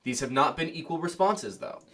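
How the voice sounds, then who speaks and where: A man's voice: a little high, normal speed, pushed and bright. Earnest young male anchor. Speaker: lead news anchor. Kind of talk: scripted news reading.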